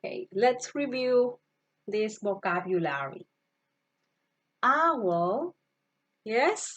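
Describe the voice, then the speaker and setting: A woman teaching English to primary school children, saying each animal word slowly and asking the kids to repeat it. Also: fairly high pitch, expressive. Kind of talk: online class, slow vocabulary drill. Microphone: computer mic, virtual class.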